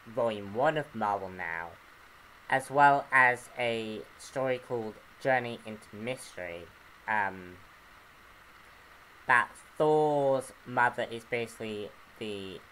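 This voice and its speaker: A man giving an unscripted comic book review, earnest and hesitant, often pausing to search for words. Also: on the low side, sharp tone, slight background noise, low-quality recording.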